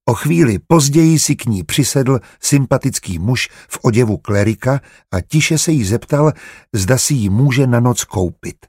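A man narrating an audiobook in a measured, even reading style. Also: mid-range voice, husky, dry recording, clean studio sound.

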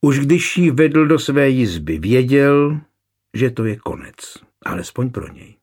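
A man reading a historical novel aloud as the narrator, in calm, even storytelling. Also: mid-range voice. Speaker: audiobook narrator. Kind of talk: scripted narration.

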